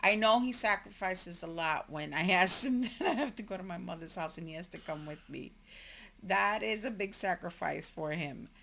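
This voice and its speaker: A woman in her forties with a bright yet slightly low voice co-hosts a relationship podcast with her husband. She rambles chattily, tells anecdotes, and laughs often. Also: moderate pace, vocal fry. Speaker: podcast co-host. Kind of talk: casual couple chat.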